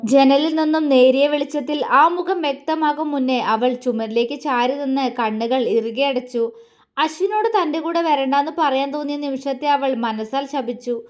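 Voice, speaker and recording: A woman reading a romantic audio story aloud as a storyteller, voicing the lovers' lines herself. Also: sits high. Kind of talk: scripted story narration.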